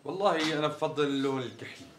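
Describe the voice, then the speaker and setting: A man's voice: a little high, racing, background noise, lightly acted. A man playing an impatient, short-tempered customer who keeps demanding a price, speaking with a Syrian accent in a TV sketch comedy. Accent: Syrian Arabic. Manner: blunt, increasingly irritated demands. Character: impatient exasperated male customer, quick to anger.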